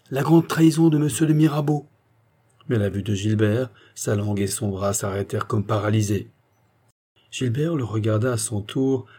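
A man reading a classic novel aloud as an audiobook narrator, in a measured, expressive way. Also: on the low side, husky. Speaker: audiobook reader. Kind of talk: scripted narration.

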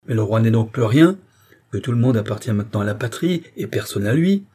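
A man's voice: on the low side, lively intonation, a little fast, warm tone, slightly rough. A man voicing a haughty, imperious queen in an audiobook, speaking in a commanding and indignant way.

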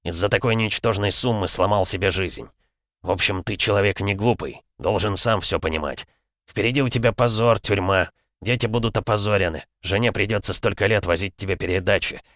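A man voicing a cynical middle-aged police chief who scolds sternly and coaxes with false gentleness. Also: on the low side, fairly quick, dry recording, clean studio sound. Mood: scolding.

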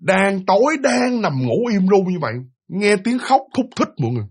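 In a chatty ghost story, this man speaks straight to his audience in a high, sing-song voice with a breathy edge. His pace is normal.

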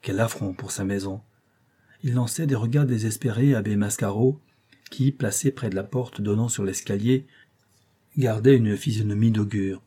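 Man, audiobook narrator, scripted narration, measured, expressive, husky, mellow. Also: lowish voice. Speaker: audiobook reader.

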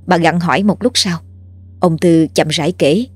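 A woman narrating a horror story in a measured, dramatic way. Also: on the low side, breathy edge, no room sound. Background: faint music.

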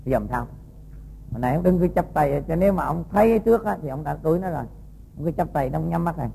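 Monk, kinda high voice with gravel in it, chatty storytelling sermon for kids. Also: male voice, quick pace, a little hiss or hum, rough recording. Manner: lively, folksy, quizzes the audience. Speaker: Buddhist monk teacher. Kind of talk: storytelling sermon to young students.

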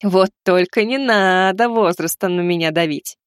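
A woman's voice: lowish voice, normal speed, clean tone, no echo, clean studio sound, close to an everyday voice. A woman narrator voicing a cocky, teasing young male vampire in an audiobook. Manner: mocking, self-assured.

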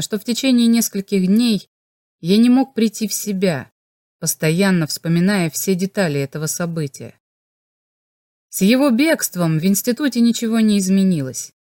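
A woman's voice: medium pitch, darkish tone, no room sound. Woman reading an audiobook, dry and close. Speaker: audiobook narrator. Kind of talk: scripted audiobook narration.

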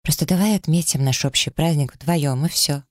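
A man voicing an affectionate young woman who is easily hurt, reading her lines in a raised, soft, pleading tone for an audiobook. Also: fairly high pitch, moderate pace, dry recording, clean studio sound, pitched above the performer's own voice, lightly acted. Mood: tender.

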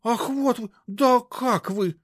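A man voicing a shrill, brash, stout middle-aged woman who shrieks rudely and indignantly. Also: takes it slowly, no room sound, clean studio sound, heavily acted. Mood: screeching.

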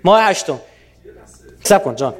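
A man from Iran giving a lively public lecture, often quizzing his audience with rhetorical questions. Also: high-pitched.

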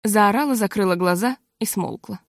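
A woman's voice: medium pitch, normal speed, creaky, no room sound, studio quality. Woman reading a story aloud. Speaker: narrator. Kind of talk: audiobook narration.

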